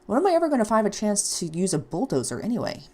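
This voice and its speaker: A woman playing a visual novel and reading it aloud in first person as a let's play, with lively delivery and sarcastic, comic asides. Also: medium pitch, quick pace, slightly rough. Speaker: game player.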